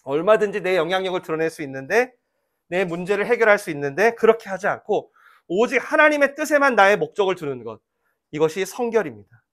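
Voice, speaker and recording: A man's voice: high-pitched, fast. A middle-aged man preaching a sermon as pastor, telling the story vividly and leading the congregation in repeating lines. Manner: lively storytelling, acting out voices in quotes; leads congregation in call-and-response reading.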